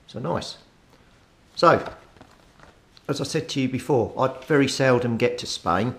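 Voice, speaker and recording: Unhurried and slightly rough, with some vocal fry, a British hobbyist video host gives easygoing how-to commentary. As he works, he thinks out loud and mutters to himself informally, while a steady background noise rumbles low underneath.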